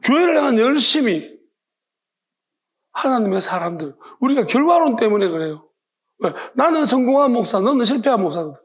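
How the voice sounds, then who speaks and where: A man's voice: very high-pitched, big pitch swings, brisk, slightly rough. A male pastor, preaching an evening sermon with emphatic rhetorical questions. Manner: emphatic, rhetorical questions, acts out imagined voices.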